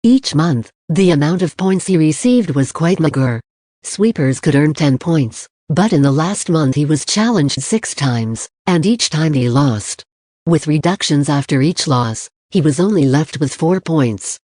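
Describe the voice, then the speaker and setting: A narrator reading a fantasy novel aloud in a steady, plain storytelling manner. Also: medium pitch, a little slow, no echo, clean studio sound. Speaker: audiobook narrator. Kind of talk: audiobook narration.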